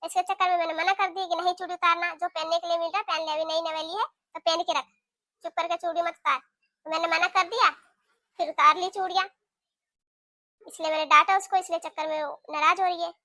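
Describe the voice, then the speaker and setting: A woman voicing a sharp-tongued, nagging middle-aged mother-in-law in a cartoon, talking in a scolding, taunting way. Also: very high-pitched, level tone, fairly quick, no echo, studio quality. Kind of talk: cartoon voice acting.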